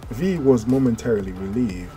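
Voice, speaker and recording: A man narrates an audiobook in a steady, measured voice of middle pitch. Music plays clearly underneath the reading throughout. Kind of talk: scripted narration.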